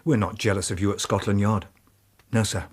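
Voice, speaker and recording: An actor playing a plain-spoken, hearty London police inspector with an English accent in a British radio drama, blunt and sincere. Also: male voice, fairly low pitch, steady tone, fairly quick, slightly rough. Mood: sincere admiration.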